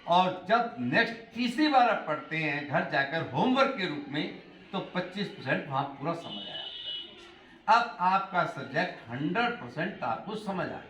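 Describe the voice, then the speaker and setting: A middle-aged man speaking as a motivational speaker to schoolchildren, animated and asking the class questions. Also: a little high, moderate pace, slight background noise. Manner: animated, asks the class questions, mixes in English phrases. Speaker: motivational speaker addressing students. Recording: echoey hall, voice from a distance.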